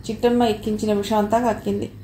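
Woman, audiobook narrator, steady storytelling, roomy echo, faint hiss. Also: mid-range voice, fast talker. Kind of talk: Telugu audio novel reading. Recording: echoey room with faint noise.

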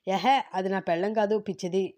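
A blustering, scheming uncle from a spoken storybook, played by a woman narrator. The voice stays mellow and close to her own, but the delivery swaggers. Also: medium pitch, steady tone, fairly quick, natural voice. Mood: yelling. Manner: boastful and blustering. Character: boastful older man, scheming uncle.

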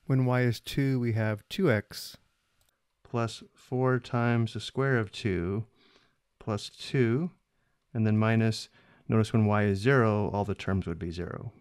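A man's voice: lowish voice, slow pace, clean tone, no echo. Methodical male math instructor, dry sound. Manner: steady, methodical, step-by-step explaining. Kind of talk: screencast math lesson.

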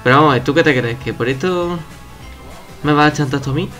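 This is a young man narrating his own online match from home, his voice bright and sharp, pitched a touch high for a man. He jumps between chatter and yelps, swearing at whoever gets him. Faint game music runs under his voice. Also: quick pace. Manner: excitable, swears and shouts at opponents. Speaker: gaming youtuber. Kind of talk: casual gameplay commentary.

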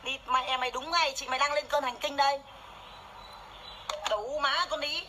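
A woman's voice: high voice, moderate pace, pushed and bright, slight background noise, low-quality recording. A woman, ranting furiously and swearing nonstop during a makeup livestream on her phone. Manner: foul-mouthed, furious, scolding. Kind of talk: angry livestream rant. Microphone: phone camera during makeup livestream.

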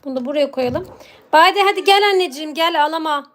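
A woman's voice: high voice, a little fast. A woman filming a home vlog, coaxing and soothing her crying children while talking to viewers. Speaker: mother and channel host. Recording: loud background noise.

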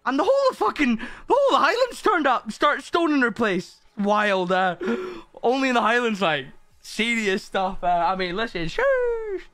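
A man's voice: extremely high pitch, big pitch swings, moderate pace, sharp tone, no echo, studio quality, soft background music. A man chatting casually to his viewers on a live stream, swearing often and greeting people by name.

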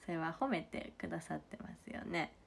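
A woman's voice: fairly low pitch, lively intonation, brisk, gravelly, a little hiss or hum. A young woman from Nagano chatting casually on a livestream and thanking viewers for their comments between stories. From Nagano, Japan. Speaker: idol livestream host.

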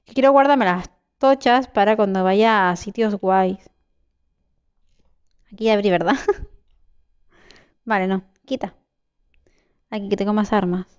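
A woman's voice: medium pitch, slow pace, long pauses, a little mellow, smooth, dry recording, dull audio. A young woman with a Spain Spanish accent giving casual gameplay commentary, chatting to herself and her viewers, with sudden shrieks and swearing. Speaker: gameplay streamer.

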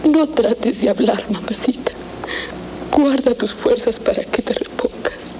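A woman's voice: sits high, expressive, slow pace, background noise. A young woman playing an anguished, devoted daughter, tearfully pleading in film melodrama. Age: young adult. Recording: old film soundtrack with music.

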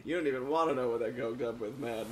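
A man's voice: medium pitch, quick pace, crowd noise. A man co-hosting a let's play, joking and laughing through casual game commentary. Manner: jokey, laughs often.

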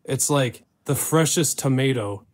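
A man's voice: medium pitch, unhurried. A man hosting a casual podcast chat who talks in a rambling, emphatic way, with lots of fillers and the odd swear word. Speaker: podcast host.

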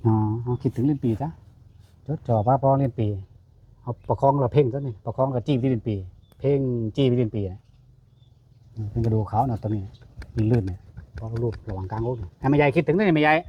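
A Buddhist monk with a husky, slightly breathy voice guides someone through meditation, coaxing and affirming in short repeated bursts. The recording is dull and lo-fi. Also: male voice, medium pitch, brisk, long pauses. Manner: coaxing, repetitive, urges and affirms. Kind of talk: guiding a meditation session.

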